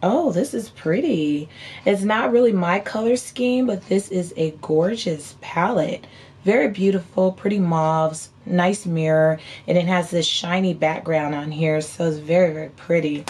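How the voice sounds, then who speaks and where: A woman in her thirties with a hoarse, worn-out voice, chatting casually and folksily as a beauty vlogger showing products. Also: fairly low pitch, measured pace, darkish tone. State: hoarse, voice partly lost from screaming. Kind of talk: casual chat unboxing haul. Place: indoor room at home.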